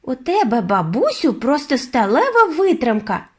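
A woman's voice: high-pitched, very animated, normal speed, voice pushed up. A woman reading an audiobook and voicing an eager, impatient young boy who has been turned into a mouse. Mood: amazed.

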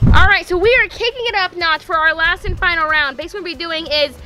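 A woman in her twenties hosting a casual family challenge vlog, teasing and excitable. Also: extremely high pitch, fast, slight background noise. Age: 20s. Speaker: vlog host. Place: outdoors on an open driveway. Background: music.

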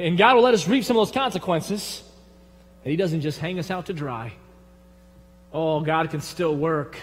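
A high-pitched man with a Michigan accent preaches a folksy, emphatic sermon. His voice swings from loud, driving points down to a near hush. A long reverb from the church sanctuary trails each phrase. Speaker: pastor.

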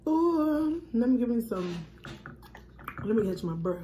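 A woman's voice: mid-range voice, normal speed, warm tone, a little hiss or hum. Chatty woman in an echoey room. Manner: chatty, addresses viewers as "y'all". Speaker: vlogger. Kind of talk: casual chat. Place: home dinner table.

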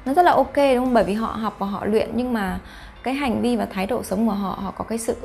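Talking quickly in a slightly high, somewhat mellow voice with vocal fry, this YouTube host chats casually about face reading. She frequently throws rhetorical questions at her viewers while soft music plays behind her.

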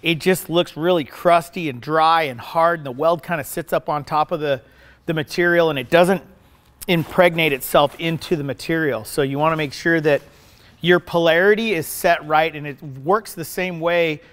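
A middle-aged welding instructor gives a casual demonstration in a large indoor welding workshop, folksy and conversational, frequently checking in with "okay?". His voice is a little high and fairly bright, at normal speed.

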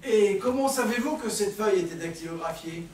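A man's voice: high-pitched, animated, a little fast, darkish tone. A man playing a police inspector in a stage comedy, questioning suspects with ironic needling. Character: wry, probing male police inspector. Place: theatre stage. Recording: echoey hall from far, audience noise.

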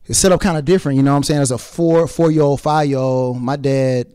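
A man's voice: medium pitch, fairly even intonation, quick pace, mellow, clear, resonant tone, no echo. Laid-back young man, dry studio. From South Side of Atlanta area. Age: young adult. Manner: laid-back, loose, lots of "you know what I'm saying". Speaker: rapper and actor, interview guest. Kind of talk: casual interview. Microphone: handheld mic.

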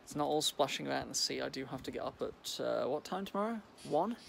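Guy chatting on his phone vlog, bit creaky, dry and teasing, noisy outdoors. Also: mid-range voice, lively intonation, quick pace, a bit bright. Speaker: holiday vlogger. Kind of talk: casual vlog chat. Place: outdoors at beach and house deck. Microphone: handheld phone. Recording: noisy outdoor handheld recording.

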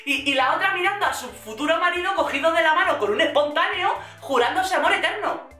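A woman from Spain with a Spain Spanish accent, sarcastically recapping a reality show in animated casual chat. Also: extremely high pitch, brisk. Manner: sarcastic, animated, acts out quotes. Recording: roomy echo, faint music.

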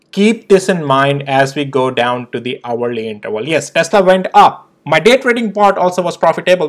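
Man, young adult, casual trading chart walkthrough, emphatic, keeps checking in with listeners, somewhat high pitch. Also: fairly bright tone. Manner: emphatic, repeats tag questions like "right?" and "okay?". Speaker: stock trading channel host.

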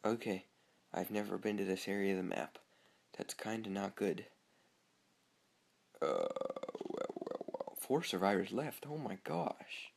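A man's voice: fairly low pitch, a little slow, creaky, a little hiss or hum. A young man giving casual, chatty commentary over his own gameplay, talking to himself and easily startled. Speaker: gamer.

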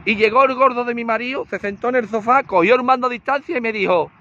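High-voiced joke teller. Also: male voice, fast talker, no echo, highs cut off. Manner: lively storytelling, laughs at his own punchlines. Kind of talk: telling jokes.

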